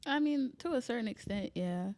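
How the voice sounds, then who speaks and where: A twenty-year-old woman with a mellow, darker tone talks on a podcast. She is blunt and emphatic. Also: fairly high pitch, lively intonation, fairly quick, a little hiss or hum. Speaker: podcast guest.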